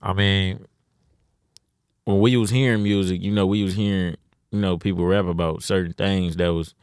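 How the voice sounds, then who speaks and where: A man's voice: sits low, fairly even intonation, normal speed, darkish tone, clean tone, dry recording, clean studio sound. A young man from Detroit, a rapper talking as a podcast guest in laid-back slang, dropping "you know what I'm saying" often. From Detroit, USA. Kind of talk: casual interview.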